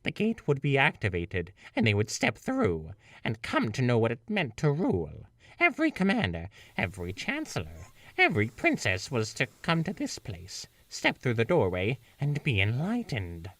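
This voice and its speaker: A man's voice: mid-range voice, huge pitch swings, normal speed, fairly bright tone, no room sound, recorded from a distance. A man voicing a regal, ancient female pony princess, reading her lines in a stately, raised voice. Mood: solemn.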